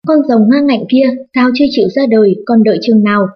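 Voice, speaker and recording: A woman voicing an old, lame Taoist nun who scorns the family with mocking calm, in a storybook reading. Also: a little high, a little fast, breathy edge, lo-fi sound. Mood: commanding. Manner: scornful, laughing at others.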